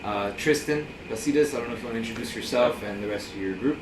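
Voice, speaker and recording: A man's voice: medium pitch, fast. A man hosting a casual interview, upbeat and encouraging, often answering with "awesome" and "praise God". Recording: echoey room, mic at a distance, background hum.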